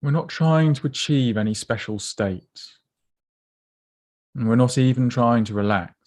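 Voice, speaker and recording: A medium-pitched male voice leads a guided body scan meditation. The delivery is soft, unhurried and instructive, with pauses separating the phrases.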